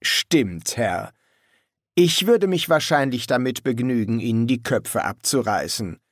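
A man voicing a polite, patient male vampire recruit who answers calmly and courteously, in an audiobook. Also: medium pitch, unhurried, no room sound, clean studio sound.

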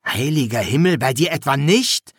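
A chipper young assassin, his talk breezy and chummy, as a man puts him on. The voice sits high and swings lively, recorded close and dry. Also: normal speed, slightly rough, no room sound. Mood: cheerful. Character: cheerful young male assassin graduate.

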